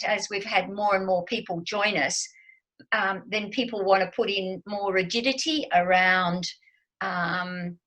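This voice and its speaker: A woman's voice: mid-range voice, a bit bright, poor audio. A woman in her seventies, a guest on a video call, talking casually and hesitantly with many fillers and restarts. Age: 70s. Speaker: guest speaker.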